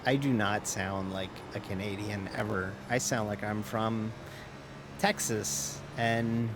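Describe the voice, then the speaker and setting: A man's fairly low, steady voice comes through background noise as he casually chats during a streamed sim race. Between driving calls he rambles, restarts sentences and interrupts himself, quick to break into laughter.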